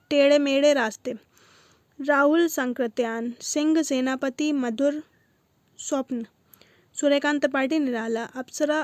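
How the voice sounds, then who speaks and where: A young woman teacher with a high voice reads exam revision notes aloud. She works through lists of words one term at a time, in short clipped bursts. The sound is dry and close, with no room around her. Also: darkish tone, dry recording.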